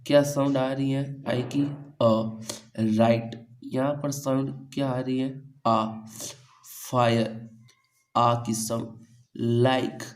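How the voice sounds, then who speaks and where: A man's voice: mid-range voice, flat delivery, takes it slowly, poor audio. A man teaching pronunciation in a coaching-class lesson, asking questions and answering them himself. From India. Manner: repeats key points as questions to students. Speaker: English teacher.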